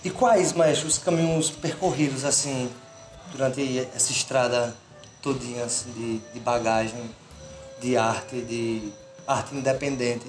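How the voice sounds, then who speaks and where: A man's voice: mid-range voice, steady tone, a little slow. Casual male interviewer, echoey room. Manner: eager, casual, short affirmations. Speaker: interviewer, host. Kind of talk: friendly interview. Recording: echoey room with music behind.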